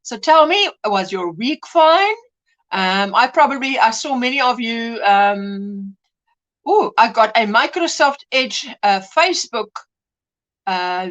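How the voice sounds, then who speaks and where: Hosting a laid-back crochet livestream, this woman has a somewhat high, expressive and fairly bright voice and talks a little slowly. She is drowsy from pain tablets, chatting away, greeting viewers by name and mixing English with Afrikaans, her home language.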